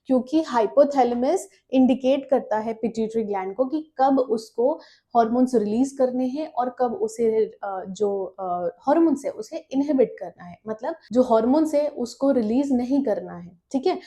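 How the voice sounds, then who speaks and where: A woman teaching a lecture, her voice pitched a little high but mellow and soft-edged. She walks through diagrams step by step, poses questions and answers them herself, and slows right down whenever she reads out English terms. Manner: reads English lines slowly and mixes English terms into her talk.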